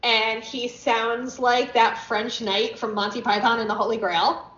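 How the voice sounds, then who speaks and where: A woman's voice: fairly high pitch, flat delivery, unhurried, a bit bright. A woman co-hosting a casual chat podcast, explaining at length and reading out history notes with a dry wit. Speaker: podcast co-host. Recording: roomy, dull lo-fi sound.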